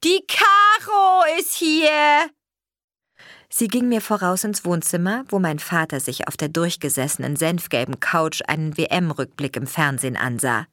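A woman's voice: deep voice, moderate pace, few pauses, fairly bright tone, dry recording. A young adult woman narrating an audiobook expressively, acting out the dialogue, recorded close to the microphone.

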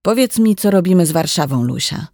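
Gloomy official husband, sour, muttering, gravelly as the storyteller reads him. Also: medium pitch, expressive, a little fast, darkish tone, no room sound, studio quality, natural voice. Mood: sour, pressing. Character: grumpy middle-aged male official, husband.

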